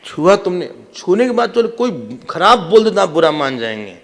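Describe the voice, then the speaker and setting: A man who is a swami, giving a devotional sermon and telling sacred stories in a lively, humorous way, acting out the quotes. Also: high-pitched, moderate pace. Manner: animated, humorous, acts out quotes. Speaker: swami, spiritual teacher.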